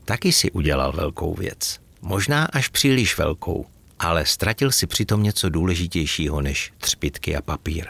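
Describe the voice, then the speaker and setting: Guy doing an old wise elf, calm and deep, storybook voice. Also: gravelly, slightly rough, no room sound, exaggerated voice.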